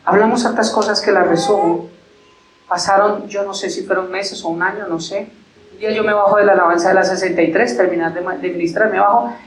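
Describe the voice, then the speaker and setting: A man's voice: high voice, fairly even intonation, a little fast, a little hiss or hum. A male pastor tells a story in his sermon and then leads an earnest closing prayer in a church. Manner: conversational, recounting and then praying earnestly. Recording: roomy church echo.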